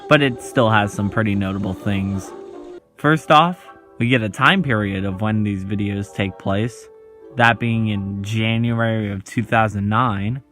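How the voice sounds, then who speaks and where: A male video host narrates a scripted explainer slowly, with dramatic pauses between short phrases and light music underneath. His voice is on the low side and a bit bright.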